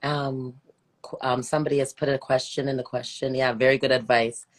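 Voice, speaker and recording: On a livestream video call, a woman hosts a casual live interview in an expressive way, her speech tinged with and slipping into patois phrasing. She has a bass voice and talks fairly quickly.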